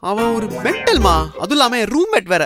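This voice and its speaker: A man's voice: very high voice, brisk, exaggerated voice. An actor playing a cheerful, teasing young man who backs his friend. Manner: teasing, easygoing, lively. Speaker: roommate and friend. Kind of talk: short film acting. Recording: music playing behind.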